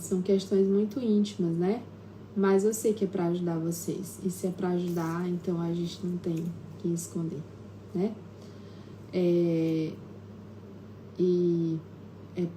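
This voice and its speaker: A woman's voice: lowish voice, warm tone, slight background noise. A woman with a Brazilian Portuguese accent, a therapist hosting a live stream from home, talks casually with frequent tag questions and hesitations. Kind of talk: casual live-stream talk, personal storytelling.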